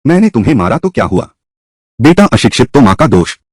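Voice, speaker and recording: A man's voice: medium pitch, sing-song, brisk, a little mellow, slightly rough, dry recording. A man voicing a fierce middle-aged mother-in-law who scolds and threatens her son in a dubbed story. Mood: furious.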